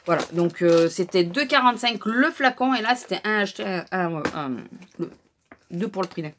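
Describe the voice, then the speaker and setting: A woman's voice: mid-range voice, expressive, moderate pace, a little hiss or hum. Chatty woman ranting in a vlog. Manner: chatty, indignant storytelling with many fillers. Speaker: vlogger. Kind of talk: casual haul vlog.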